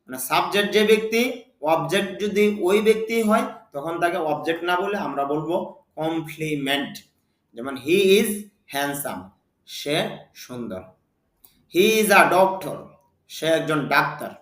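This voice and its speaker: A man giving a spoken English lesson, reading example sentences slowly and asking and answering his own questions. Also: on the high side, expressive, a bit bright, roomy sound. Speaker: English teacher.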